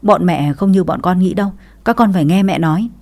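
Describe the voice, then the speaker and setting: A woman's voice: fairly low pitch, a little fast, vocal fry, a little mellow. A woman voicing a defensive middle-aged stepmother in a read-aloud family story.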